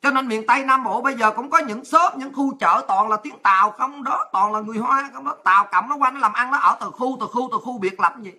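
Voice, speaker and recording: Woman, Southern Vietnamese accent, ranting political commentary, crude and heated, high bright voice. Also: a little fast, few pauses, slightly rough. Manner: heated, crude, repetitive, mocking.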